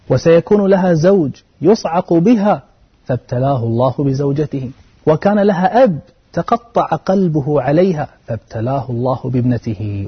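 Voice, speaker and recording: A man's voice: mid-range voice, breathy edge. A man preaching an earnest sermon, telling a moral story and urging his listeners, his voice climbing at emotional peaks. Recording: dull lo-fi recording.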